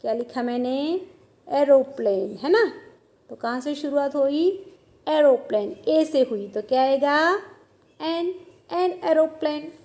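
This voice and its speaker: A woman's voice: high voice, slow, mellow. A woman teaching a grammar lesson, asking questions and answering them herself, repeating each point.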